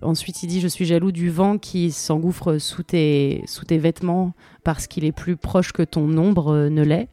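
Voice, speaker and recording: A native French speaker co-hosting a podcast talks eagerly but hesitantly about song lyrics in a casual chat. Her voice is low and dark, steady in tone and measured in pace, with no echo.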